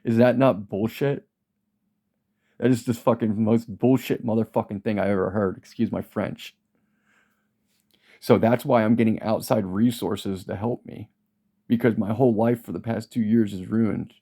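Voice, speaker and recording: Low-voiced man, agitated profane vlog rant, dark tone. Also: fairly even intonation, moderate pace. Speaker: vlogger. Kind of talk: ranting monologue to camera.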